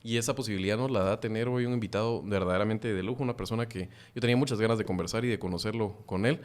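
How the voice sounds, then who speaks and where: A man's voice: fairly low pitch, rapid-fire. A man hosting a podcast panel, talking casually with many hesitations. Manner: animated, hesitant with fillers. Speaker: podcast host.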